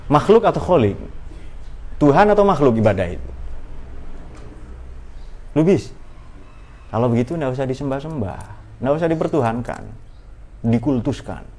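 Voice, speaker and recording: In a mid-range, slightly mellow voice, a man leads a casual religious study session as an Islamic teacher. His tone is playful and conversational, full of rhetorical questions.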